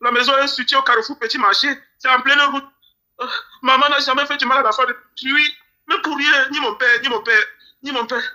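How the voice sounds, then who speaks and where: Grieving man from Cameroon, pleading, fast and bright interview voice. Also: very high voice, steady tone. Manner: pleading, repeats phrases. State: grieving, near tears. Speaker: interview guest. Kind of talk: emotional interview testimony.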